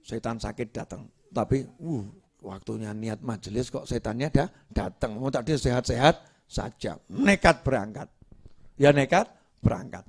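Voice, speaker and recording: A male preacher delivers a lively, jokey sermon. His voice sits at an ordinary middle pitch and swings from hushed asides to loud, excited bursts. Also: a little slow, vocal fry, husky.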